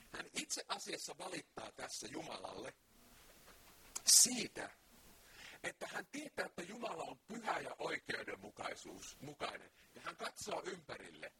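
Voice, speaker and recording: A man's voice: on the high side, pushed and bright, a little hiss or hum. A man preaching a sermon, emphatic and full of rhetorical questions.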